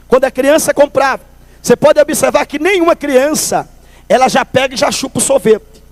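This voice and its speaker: A man's voice: very high voice, dry recording. A man from Recife, telling a humorous testimony at a church service and calling listeners brother. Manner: lively storyteller, calls listeners brother.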